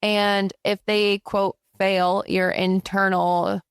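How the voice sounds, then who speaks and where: An outspoken flight instructor co-hosts a podcast, chatting casually and speaking with animated emphasis. Her mid-range voice takes things slowly, with a clean tone and no echo.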